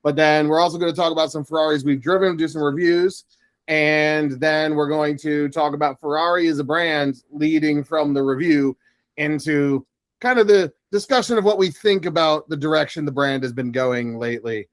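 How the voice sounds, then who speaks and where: Brief: male car-podcast host, higher-pitched, excitable, dry close mic. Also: normal speed, dry recording. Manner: excitable, laughing, trailing restarts. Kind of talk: casual car podcast chat.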